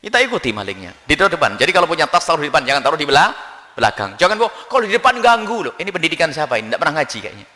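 Male preacher, fast and animated, bright high voice, long hall reverb on the recording. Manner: animated, acts out little scenes with quick voices. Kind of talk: religious lecture answering a question.

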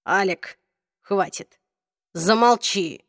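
A woman voicing a brooding young man, speaking low, slow and clipped in an audiobook reading. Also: gravelly, dry recording, clean studio sound. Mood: cold.

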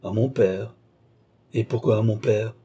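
A man voicing a young noblewoman in an audiobook, asking quick, softly reproachful questions. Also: lowish voice, husky. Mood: puzzled. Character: young noblewoman, surprised, gently firm. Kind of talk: audiobook character voice.

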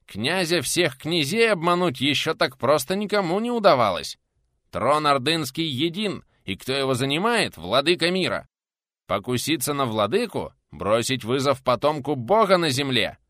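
A man voicing a rough, menacing medieval warrior who slurs his folksy speech, in an audiobook. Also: on the high side, very animated, normal speed, a bit bright, no echo, clean studio sound, voice pushed up.

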